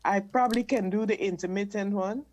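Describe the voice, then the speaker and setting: A woman's voice: mid-range voice, fairly quick, crowd noise. A woman from Guyana, calling in for advice over a video call and speaking hesitantly, often restarting her sentences. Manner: hesitant, restarts and repeats words. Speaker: caller seeking advice. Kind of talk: casual conversation.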